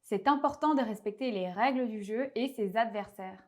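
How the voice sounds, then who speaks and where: With a French accent from France, a fairly high-voiced woman teaches French as a language lesson. Patient and clear in her explanations, she slows her speech to highlight each pronunciation she wants noticed.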